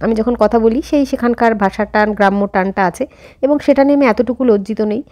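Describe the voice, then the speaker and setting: A quick-talking woman in her thirties narrates her day straight to her viewers, with a slight rural Bengali lilt and lots of fillers. Her voice sits a little high, and she is recorded on a camera held some way off, at home and outdoors. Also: a little mellow. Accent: Bengali with a slight rural Jessore-Khulna lilt. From India. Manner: chatty, addresses viewers directly, frequent fillers. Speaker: vlogger. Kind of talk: casual vlog narration. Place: home and outdoors while running errands.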